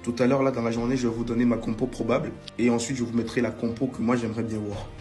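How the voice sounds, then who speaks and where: A man chatting calmly and wryly to viewers on match day, asking them questions. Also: mid-range voice, fast talker, soft background music. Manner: calm, wry, asks viewers questions. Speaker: football content creator. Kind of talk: casual match-day chat.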